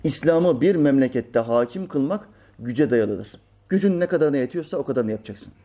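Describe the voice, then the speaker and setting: A man's voice: medium pitch, lively intonation, normal speed, warm tone. A man reading out a news article and rebutting it in an emphatic, preacherly commentary full of rhetorical questions. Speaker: religious commentator.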